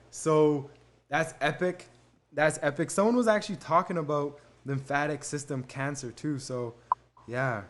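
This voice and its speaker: A young man hosts a live stream and answers viewer questions in a relaxed, chatty manner, his voice a bit higher than most men's and fairly bright. He frequently pauses to read comments and thank viewers, speaking loosely with fillers between answers, and there's a faint hiss or hum in the audio.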